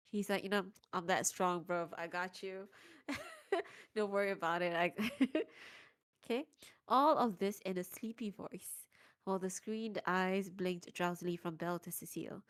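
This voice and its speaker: A young woman reading aloud on a live stream in an even, mid-range voice. She drops into laughing asides between passages. The sound is close and dry. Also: medium pitch, no echo.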